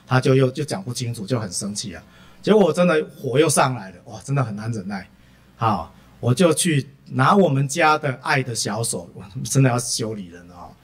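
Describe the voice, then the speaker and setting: A middle-aged man gives a sermon as a string of lively family stories. He sprinkles his talk with soft "ah" fillers. His voice sits at a medium pitch. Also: fairly quick. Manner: lively anecdotal delivery, frequent "ah" fillers. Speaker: preacher. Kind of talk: sermon with personal storytelling.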